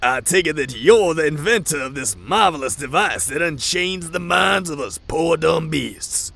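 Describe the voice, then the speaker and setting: A man voicing a sly, theatrical talking wolf in a cartoon comic dub, pompous and raspy. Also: on the high side, animated, unhurried, sharp tone, exaggerated voice. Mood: suavely polite. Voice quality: raspy, gravelly. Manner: pompous, elaborately polite.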